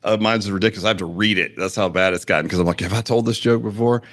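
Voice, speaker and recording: Upbeat low-voiced male podcast host. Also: steady tone, fast talker, a bit bright. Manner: upbeat, chummy, laughs often. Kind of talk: casual podcast interview.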